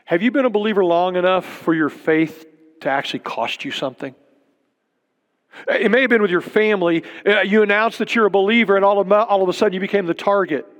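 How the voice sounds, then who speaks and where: A man's voice: high voice, fairly bright tone. A middle-aged man preaching a sermon as a pastor, earnest and emphatic, repeating key points. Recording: long hall reverb.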